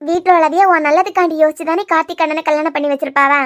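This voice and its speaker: A woman voicing Diya, high quick Kanyakumari-accented friend. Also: fairly even intonation. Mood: earnest. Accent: Kanyakumari Tamil. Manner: earnest, coaxing, quick-talking. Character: caring, frank young woman friend, Diya. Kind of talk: cartoon web series voice acting.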